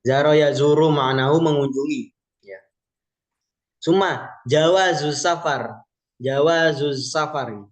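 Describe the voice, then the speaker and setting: A man with a fairly high-pitched voice teaches Arabic vocabulary in an online lesson. He explains slowly and patiently, with lots of pauses and fillers.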